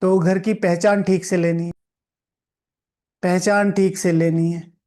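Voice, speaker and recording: Male spiritual teacher with a fairly high voice, unpacking a scripture passage in a reflective, repetitive way, English words mixed in. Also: flat delivery, slow pace, dark tone. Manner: repeats key phrases for emphasis; mixes English words into Hindi. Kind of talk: explaining a scripture reading.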